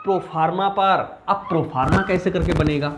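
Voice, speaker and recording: A man's voice: fairly high pitch, normal speed, noisy background. A male commerce teacher giving an accounting lesson at a board, chatty, asking questions and answering them himself. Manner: chatty, asks and answers his own questions.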